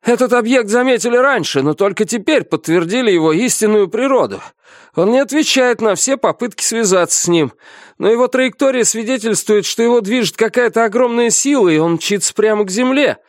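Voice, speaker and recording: A man's voice: high-pitched, expressive, a little fast, dry recording, clean studio sound, voice pushed up. A man voicing an out-of-breath male first mate on a ship, reporting news urgently. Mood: breathless, urgent.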